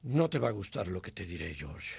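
An actor playing a gentle elderly male guardian angel in a dubbed classic film, slow and soft-spoken. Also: low-pitched, sing-song, creaky, breathy edge, no echo, heavily acted. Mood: sorrowful.

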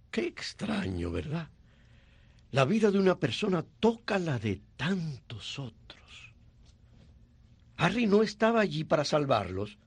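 A kindly old guardian angel from a dubbed film drama, his voice gravelly and husky. He speaks slowly and patiently, his pitch swinging widely from phrase to phrase. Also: no echo, full character voice.

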